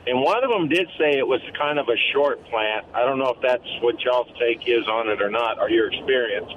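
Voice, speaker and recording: A man's voice: mid-range voice, brisk. A man calling into a radio show on a hands-free car speakerphone while driving, rambling through detailed questions and correcting himself as he goes. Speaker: caller. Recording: muffled car speakerphone line. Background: faint car noise.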